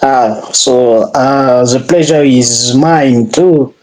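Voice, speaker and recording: Slow-talking, mellow Congolese-accented man. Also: medium pitch, poor audio. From Congo, Central Africa. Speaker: English conversation practice partner. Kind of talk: casual practice conversation.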